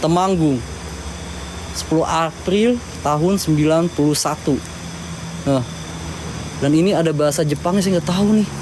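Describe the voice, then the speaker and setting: A man talking casually to viewers as host of a ghost-hunting night vlog, halting and repeating himself. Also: on the high side. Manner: repetitive, halting, often addresses listeners directly. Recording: noisy outdoor night recording with insects.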